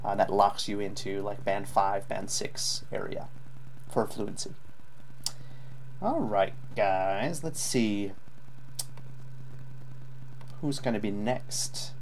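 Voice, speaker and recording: A man's voice: on the low side, expressive, slow, slight background noise. A man teaching a live online IELTS lesson, patiently giving spoken feedback with frequent ums.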